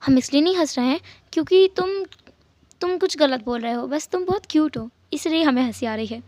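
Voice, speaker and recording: A woman voicing a gentle, caring young woman with a soft, reassuring manner. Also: high-pitched, animated, a little fast, dry recording.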